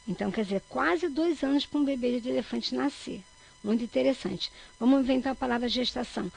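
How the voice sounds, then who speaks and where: A Brazilian woman teaching a recorded grammar lesson for children, her fairly high voice rough with gravel and a husky edge. She stretches key words out loud to mark the stressed syllable and keeps checking in with her young listeners. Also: rough recording. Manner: checks in with frequent "tá bom?".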